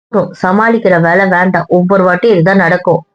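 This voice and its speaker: A woman's voice: lowish voice, fairly even intonation, fast talker. A woman in a couple's argument vlog, talking to her partner in a hurt, weary, lecturing way. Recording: dull lo-fi sound.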